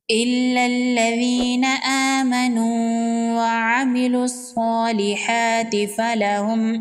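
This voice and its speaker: A woman teaching Quran recitation rules step by step, explaining each rule calmly and reciting verses slowly with drawn-out sounds. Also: mid-range voice. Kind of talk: tajweed lesson with slow recitation. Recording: long reverb.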